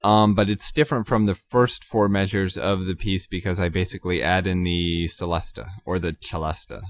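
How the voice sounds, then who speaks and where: A man hosting his own podcast, talking casually and haltingly about composing, with many ums and self-corrections. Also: deep voice, level tone, dry recording, clean studio sound. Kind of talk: casual solo talk about his music.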